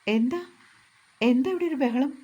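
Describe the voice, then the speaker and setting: A woman's voice: high-pitched, a little slow, highs cut off, voice pushed up. A woman voicing a kindly older mother. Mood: motherly. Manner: gentle, motherly reassurance. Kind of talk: storybook narration.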